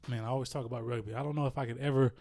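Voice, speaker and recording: Racing along in a mellow, mid-range voice with fairly even intonation, a man hosting a podcast cheerfully presents his guest. He reads the guest's bio aloud and keeps the chat relaxed and conversational.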